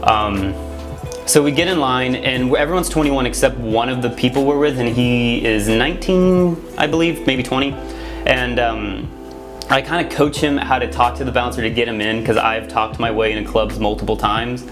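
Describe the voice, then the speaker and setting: A man's voice: mid-range voice, normal speed. A man in his twenties from Miami casually telling a story to camera, rambling with lots of "like" fillers. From Miami, USA. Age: 20s. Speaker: vlogger. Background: music playing underneath.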